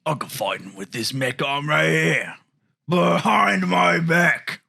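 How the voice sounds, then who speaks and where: A gravelly, rasping ork warrior, voiced by a man for an improvised in-character debate, bragging loud and brash. His tone is bright and pushed, and his pitch swings wide and high. He is always ready for the next scrap. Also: animated, normal speed, exaggerated voice. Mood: scheming. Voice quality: gravelly, growling. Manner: brash and loud, fond of shouting boasts. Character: brawling male ork warrior, boastful, spoiling for a fight.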